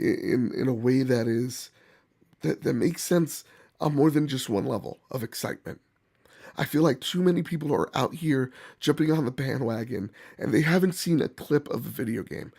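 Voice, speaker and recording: A man hosting gaming commentary, speaking bluntly and emphatically in a rough, hoarse voice as if sick. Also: on the high side, darkish tone. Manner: emphatic, opinionated, blunt, swearing. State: hoarse from bronchitis. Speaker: gaming channel host. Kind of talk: opinion commentary to camera or viewers.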